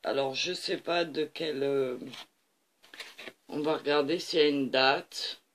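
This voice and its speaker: A man's voice: a little high, steady tone, slow pace, fairly bright tone, a little hiss or hum. A man hosting a craft channel, leafing through a paper pad on camera and gushing over each page with repeated little compliments and fillers.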